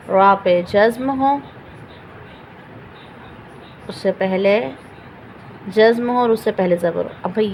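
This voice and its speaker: A woman teaching Quran recitation rules step by step, patiently repeating each example slowly and asking questions she then answers. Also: mid-range voice, darkish tone, a little hiss or hum, rough recording. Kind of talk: step-by-step Quran reading lesson.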